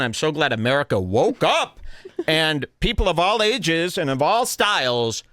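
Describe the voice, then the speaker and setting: A man hosts a podcast and tells a comic story with exaggerated indignation. His voice sits a bit high and swings widely in pitch. The recording is dry and close. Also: fairly bright tone, no room sound. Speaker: podcast host. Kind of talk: animated comedic storytelling.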